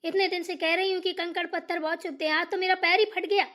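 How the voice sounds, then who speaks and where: Woman doing a shrill bossy old village mother. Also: little pitch movement, fast. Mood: scolding. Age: older. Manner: shrill yelling and scolding, mutters to herself. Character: aging village mother, bossy and short-tempered. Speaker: cartoon character voice. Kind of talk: cartoon voice acting.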